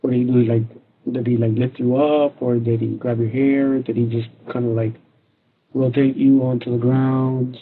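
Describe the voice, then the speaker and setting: A man questioning a witness as a police detective, calm and probing, recorded on a tinny line. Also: medium pitch, moderate pace, a little hiss or hum. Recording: tinny phone-like interview recording.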